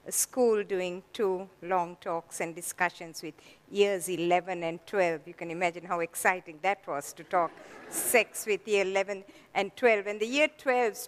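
An older woman from Sri Lanka giving a talk with dry humor, her voice slightly hoarse, laughing at her own jokes. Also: medium pitch, steady tone, measured pace, in a large hall. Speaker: guest speaker.

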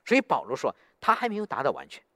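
A man's voice: medium pitch, fast, no echo, studio quality. A man preaching a sermon, telling a story and often asking the listeners to agree. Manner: animated, asks listeners for agreement.

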